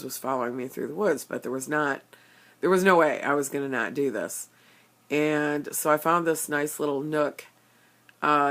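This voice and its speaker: An older woman telling a personal story, halting and earnest, with stammered restarts and many fillers. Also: low-pitched, fairly bright tone. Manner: earnest, openly emotional.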